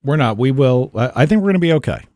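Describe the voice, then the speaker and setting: A man's voice: mid-range voice, expressive, quick pace, a little mellow, no room sound. A man co-hosting a podcast in a studio, laid-back and grumbling, swearing casually as he chats. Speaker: podcast co-host.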